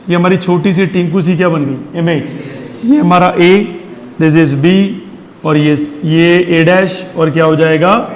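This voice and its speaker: High-voiced man teaching in an echoing hall. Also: a little mellow. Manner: call-and-response questioning, drills answers with repeated questions; mixes Hindi with English terms. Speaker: science teacher. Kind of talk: classroom physics lesson. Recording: long reverb in a hall.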